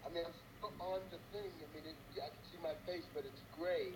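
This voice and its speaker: A man's fairly high voice comes through a speakerphone, distant and thin against a clear layer of noise. He talks in a loose, easygoing way and apologizes readily, like a guest calling back into a show. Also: quick pace. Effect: heard over a speakerphone. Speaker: podcast guest. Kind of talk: casual conversation. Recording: distant, noisy speakerphone audio.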